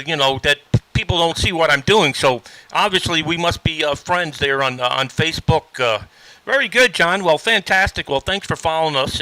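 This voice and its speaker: A man's voice: on the high side, sharp tone, no room sound, low-quality recording. A man chatting on the air as an amateur radio operator, friendly and full of fillers. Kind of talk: casual radio chat. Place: remote ham radio station.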